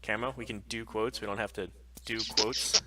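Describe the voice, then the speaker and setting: On a casual livestream podcast, a male co-host with a lowish voice talks briskly and freely in a steady tone, emphatic and swearing often. He's far from the mic, and the recording is very noisy.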